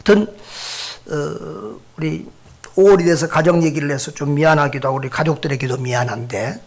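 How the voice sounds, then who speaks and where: A man's voice: fairly high pitch, normal speed, vocal fry. A middle-aged man preaching a sermon as pastor, speaking conversationally and putting questions to the congregation. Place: church sanctuary.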